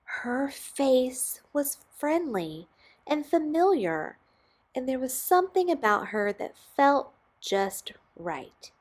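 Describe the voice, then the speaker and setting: A woman reading a children's picture book aloud expressively, with dramatic pauses and emphasis on key words. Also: sits high, very animated. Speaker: storybook reader.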